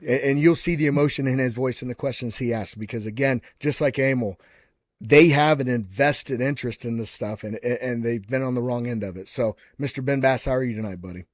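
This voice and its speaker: A man's voice: mid-range voice, brisk, dry recording, clean studio sound. Folksy man hosting a live panel. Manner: folksy, calls everyone guys and buddy; frequent restarts and repeated words. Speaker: host of a live panel show. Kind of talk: casual live panel introduction.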